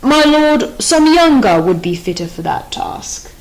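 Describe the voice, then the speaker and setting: A woman's voice: sits high, very animated, unhurried, gravelly, a little mellow, voice pushed up, full character voice, rough recording. A woman reading the part of a male chorus of city elders in an audiobook play, formal and respectful toward the king. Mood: deferential.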